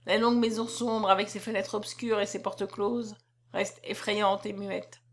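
A woman narrating a novel aloud in an expressive, dramatic reading. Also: medium pitch, unhurried, a little hiss or hum.

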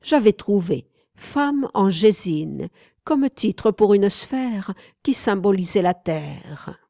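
A woman's voice: medium pitch, expressive, takes it slowly, vocal fry, warm tone, no echo, clean studio sound. Woman reading as a grandiose old sculptor. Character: proud elderly male master sculptor, grandiose.

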